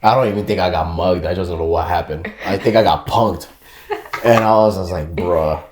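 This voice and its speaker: A man's voice: low-pitched, moderate pace, slight background noise. A man guest on a podcast, telling a story in casual slangy chat and laughing along. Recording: echoey room.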